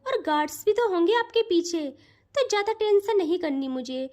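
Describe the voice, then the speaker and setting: A woman's voice: very high voice, lively intonation, normal speed. A woman voicing a tearful, loving middle-aged mother who speaks tenderly in a story. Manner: tender, softly pleading.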